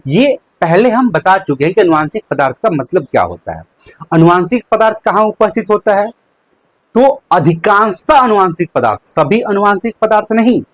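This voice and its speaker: A man's voice: sits high, sing-song, normal speed, no echo. A young man teaching a live online lecture, asking questions and answering them himself and repeating key terms. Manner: uses a handkerchief as a prop.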